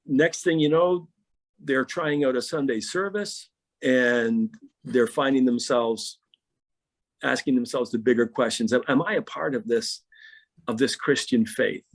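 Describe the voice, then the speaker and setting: A man's voice: mid-range voice, measured pace. A middle-aged pastor in a podcast interview, telling stories animatedly and often repeating words as he starts a thought.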